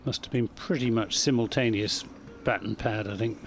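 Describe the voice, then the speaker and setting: A man working as a cricket commentator, analysing live play in a measured way with wry understatement. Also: lowish voice, fairly even intonation, slight background noise.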